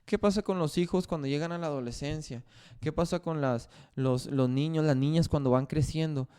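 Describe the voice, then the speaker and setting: A man's voice: on the high side, normal speed, dark tone, clean tone. A man preaching a sermon as pastor, often repeating phrases and scripture references.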